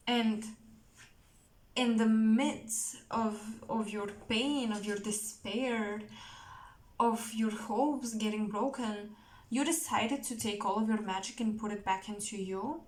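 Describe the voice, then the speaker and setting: A woman giving an intuitive tarot reading straight to the viewer, halting and searching for words, earnest and emotional. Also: fairly high pitch, a little mellow, rough recording. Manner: slow, halting, searching for words with many restarts. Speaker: tarot reader.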